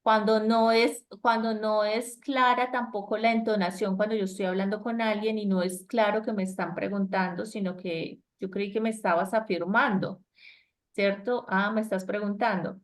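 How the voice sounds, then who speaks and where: A woman's voice: mid-range voice, steady tone, moderate pace. Patient woman teaching on a video call. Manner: explains patiently, often checks in with "¿cierto?". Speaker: English teacher. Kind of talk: online class explanation.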